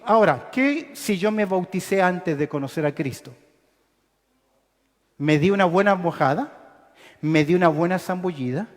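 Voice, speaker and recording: A man preaching a sermon as pastor, teaching emphatically and throwing out rhetorical questions for the congregation to answer, in a church sanctuary. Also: sits high. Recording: reverberant church hall.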